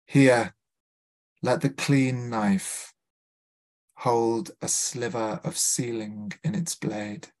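A man's voice: mid-range voice, steady tone, a little mellow. A man from Liverpool with a Scouse accent, a poet reading his work aloud and introducing each poem with a few hesitant fillers. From Liverpool, England. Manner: measured, deliberate reading with small hesitant fillers between poems. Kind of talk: live poetry reading with spoken introductions. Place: literary festival event.

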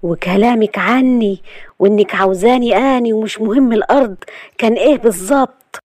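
A woman's voice: on the high side, normal speed, darkish tone, no echo, clean studio sound, pitched above the performer's own voice, close to an everyday voice. Woman doing a stern, curt Egyptian hero. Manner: curt, commanding, cold. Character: stern, protective young man.

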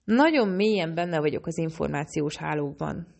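A woman's voice: sits low, expressive, gravelly, a little mellow, full character voice. A woman reading the lines of a wisecracking young man, a hacker, in an audiobook. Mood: joking. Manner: joking, talks with mouth full.

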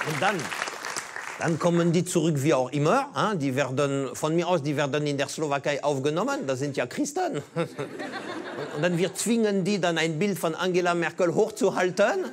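A man's voice: a little high, animated, normal speed, crowd noise, noisy background. French-accented man doing playful stand-up. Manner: playful, mock-naive, teasing. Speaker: comedian and show host. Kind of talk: stand-up monologue and street interviews. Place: small cabaret stage with audience. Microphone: lapel mic.

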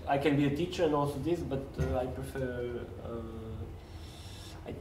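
A Serbian parkour coach, appearing as an interview guest, talks in a casual conversation at a table in a large, empty, café-like room. His mid-range voice moves a little slowly, and he hesitates, searching for words in his non-native English. The recording sounds roomy, with a distant mic and faint noise.

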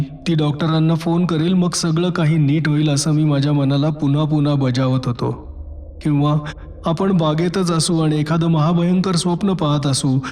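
A man reading a first-person horror story aloud, measured and dramatic with deliberate pauses. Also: a little high, a little mellow. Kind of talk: scripted horror audiobook narration.

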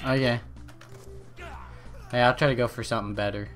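A man's voice: medium pitch, fairly even intonation, normal speed, fairly bright tone, soft background music. A young man giving casual gaming commentary for his channel, joking, teasing his friend and swearing casually. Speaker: gaming YouTuber.

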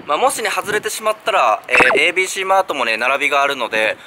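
Walking through city streets with a camera held at arm's length, a thirty-something male sneaker vlogger chats at a quick pace in a lively voice. He narrates loosely, leaning on fillers and repeated "ne" tags, as traffic and street sounds fill the background.

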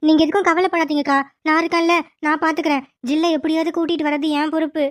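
A woman doing a reassuring young woman from a cartoon. She talks fast and soothingly in a very high voice. The sound is close and dry. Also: little pitch movement, no room sound, lightly acted. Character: calm reassuring young woman, caring sister-in-law. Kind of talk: cartoon voice acting.

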